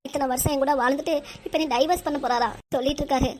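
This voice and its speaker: Brief: a woman as a plotting, whiny cartoon mother, Tirunelveli Tamil accent, high and quick. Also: steady tone, a little mellow, natural voice. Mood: whining. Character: scheming middle-aged mother who fakes crying. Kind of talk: cartoon voice acting.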